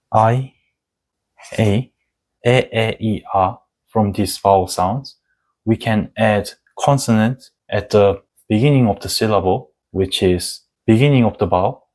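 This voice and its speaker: A man whose first language is Korean teaches an online lesson, taking his time over every word. His voice sits a little low, and he walks through the sounds one letter at a time. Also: warm tone. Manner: slow, deliberate explaining with spelled-out letter sounds.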